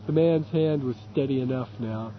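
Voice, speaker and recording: A man reading an audiobook in a steady, measured narration. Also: medium pitch, a little hiss or hum. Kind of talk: scripted narration. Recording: dull lo-fi recording.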